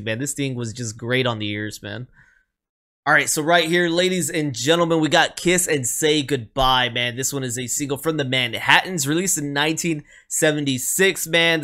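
An emotional man gives casual reaction commentary, his voice bright and pushing forward. He sounds moved and gushing. He tags "man" onto nearly every phrase. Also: mid-range voice. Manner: excited, says "man" after almost every phrase. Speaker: music reaction host.

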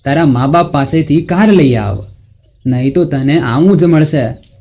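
A man's voice: a little high, unhurried. A man voicing a bullying, angry young husband. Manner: shouting, scolding.

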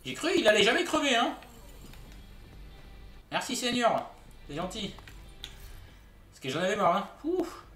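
A man's voice: high voice, very animated, unhurried, long pauses, a bit bright, reverberant, distant mic, faint music behind. A man streaming a shooter game, chatting casually with his viewers and joking in mock outrage. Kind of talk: casual live-stream commentary.

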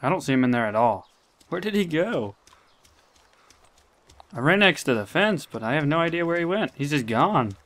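A young man commenting live on his gameplay, talking to himself and getting excited. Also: on the high side, quick pace, few pauses. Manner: excitable, talks to himself, swears and laughs.

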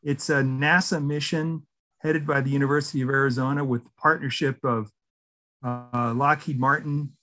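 A middle-aged man, a scientist, giving a presentation over a video call, careful and spelling terms out slowly. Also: mid-range voice, little pitch movement, pushed and bright. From Syria. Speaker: guest scientist speaker. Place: room indoors. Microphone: video call webcam.

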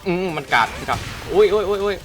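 A man giving loud, excitable gameplay commentary on a fighting game, swearing and shouting at the screen. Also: high-pitched, quick pace, faint music behind. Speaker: gaming streamer. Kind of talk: gameplay commentary with Thai dubbing of cutscenes.

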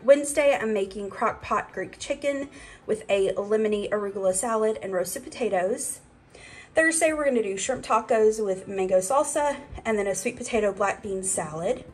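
A woman's voice: medium pitch, moderate pace, poor audio. A young woman hosting her own cooking channel, chatting casually through a grocery haul in her home kitchen. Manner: chatty, rambling, with fillers and asides.

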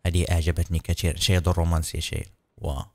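A young man giving excited, chatty commentary on a video game and talking to his viewers. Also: low voice, racing. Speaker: gaming YouTuber. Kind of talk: let's play commentary.

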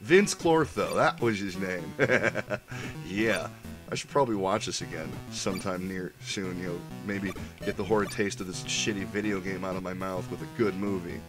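A man in his thirties giving sarcastic, profane game commentary with a sick, rough voice. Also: low-pitched, steady tone, normal speed, over music. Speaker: let's play commentator. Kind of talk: gameplay commentary.

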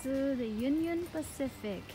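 Giggly high-voiced woman touring a museum. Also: lively intonation. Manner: giggly, playful, quick exclamations. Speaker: vlog co-host filming the tour. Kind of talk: casual chat while touring. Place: railroad museum indoors, then outdoor train yard. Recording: background music under the voice.

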